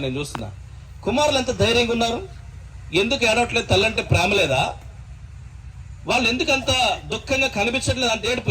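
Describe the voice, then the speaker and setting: A man preaching a gospel sermon at a funeral in church, asking rhetorical questions and rising to shouts. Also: sits high, slight background noise, poor audio.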